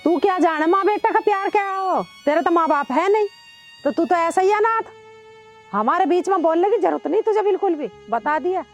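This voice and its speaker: An older woman with a Haryanvi accent playing a sharp-tongued, proud village mother who scolds and dismisses others. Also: extremely high pitch, expressive, a little fast, muffled recording, soft background music. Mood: defensive. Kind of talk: Haryanvi film acting.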